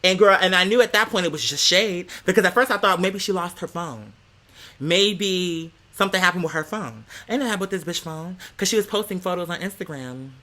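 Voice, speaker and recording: An American man vlogger rants a casual story to his viewers, his high voice pushed and bright. He talks in a sassy, theatrical way, heavy on slang.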